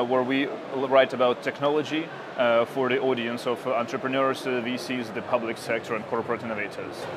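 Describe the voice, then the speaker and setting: A man in his thirties, originally from Ukraine, answers interview questions in a halting way, full of fillers and restarts. His voice sits at a middle pitch. The recording is outdoors, with clear street and traffic noise behind him. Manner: hesitant, many fillers and restarts. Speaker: interviewee, tech journalist. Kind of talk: conference interview.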